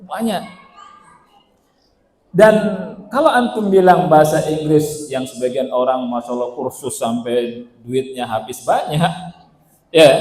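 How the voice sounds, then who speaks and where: A man's voice: a little high, a little mellow. An Indonesian man giving a playful religious lecture in a mosque, quizzing his audience with rhetorical questions. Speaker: religious teacher. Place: mosque hall. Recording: echoey hall reverb.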